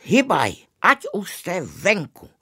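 A man voicing an irritable middle-aged ticket-taker at a cinema, who shouts indignantly in a shrill voice. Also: sing-song, no room sound, studio quality. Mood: angry. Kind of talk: audiobook reading.

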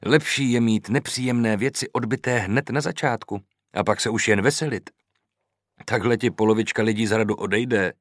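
A man's voice: lowish voice, dry recording, close to an everyday voice. Stern nobleman giving orders, dry ironic tone, close dead-dry sound, man reading it. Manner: commanding, dryly ironic.

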